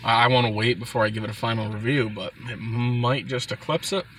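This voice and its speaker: A young man reviewing food in a casual, halting way, talking while chewing. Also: mid-range voice, slight background noise, poor audio. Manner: relaxed, halting, thinking aloud.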